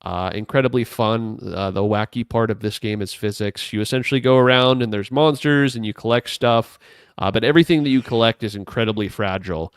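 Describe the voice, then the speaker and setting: A man co-hosting a casual gaming podcast, rambling in a relaxed way with lots of fillers. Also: on the low side, fairly quick, smooth, no echo. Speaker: podcast co-host.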